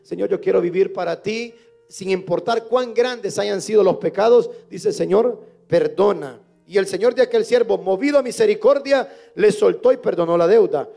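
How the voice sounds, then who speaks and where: High, gravelly-voiced male pastor preaching. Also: normal speed, warm tone, soft background music. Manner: preaching, firing questions at the congregation. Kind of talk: sermon. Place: church service.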